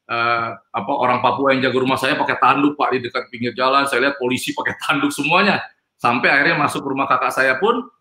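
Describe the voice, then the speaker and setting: A man's voice: medium pitch, sharp tone. A man telling a personal testimony in an interview, rambling and emphatic, with frequent fillers. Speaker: guest. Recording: echoey room.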